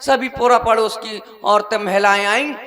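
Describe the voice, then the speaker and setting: A man's voice: high-pitched, steady tone, normal speed, sharp tone, big-room sound. A man performing a self-mocking comic monologue as a stage joker at an open-air village show. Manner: drawling, self-mocking storytelling. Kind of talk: folk stage comedy monologue.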